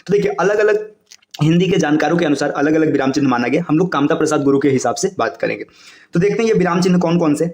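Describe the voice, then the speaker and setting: Fast-talking male Hindi grammar teacher. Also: on the high side, expressive, a little mellow, roomy sound. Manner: fast explanatory, repeats "है ना" and "देखिए". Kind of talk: exam coaching lesson.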